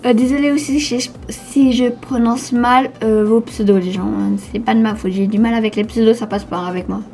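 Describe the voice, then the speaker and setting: A teenage girl with a slushy lisp on her s sounds, talking casually and haltingly as she answers questions in a vlog. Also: on the high side, fairly even intonation, creaky, a little mellow, soft background music. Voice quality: slushy lisp from new dental brace. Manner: hesitant, stumbling over words. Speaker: YouTube gamer answering viewer questions.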